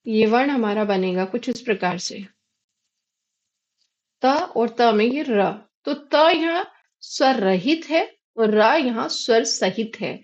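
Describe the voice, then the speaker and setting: A high-pitched Indian woman gives a patient grammar lesson. She poses questions to the class and answers them herself. The audio is slightly dull and lo-fi. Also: animated, slow. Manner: patient, asks and answers her own questions. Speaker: Hindi grammar teacher.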